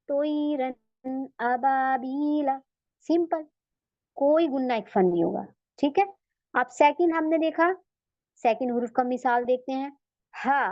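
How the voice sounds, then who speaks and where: Woman, recitation teacher, patient and explanatory, slow repeats of Arabic words; muffled dry lo-fi audio. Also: a little high, dry recording. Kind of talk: online lesson. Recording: dull, dry, lo-fi recording.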